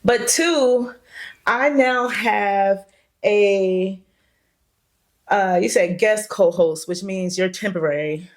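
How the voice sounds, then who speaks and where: A young woman hosts her podcast in loose, chatty talk, with a lilt. She is playful and laughs easily, and her voice sits at an ordinary middle pitch. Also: takes it slowly. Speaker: podcast host. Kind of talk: casual chat.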